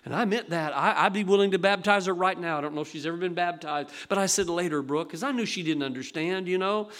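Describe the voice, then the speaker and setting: A male pastor delivers a sermon from the pulpit of a church. His voice sits high and sounds bright and ringing. He tells stories with energy and acts out the voices of the people in them. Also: quick pace. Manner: animated preaching, acting out voices from stories. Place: church sanctuary.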